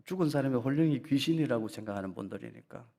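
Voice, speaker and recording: A man, a pastor, preaching a sermon dramatically, drawing out emotional passages slowly and bursting into loud, high voices when he acts out mocking taunts. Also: lively intonation, creaky.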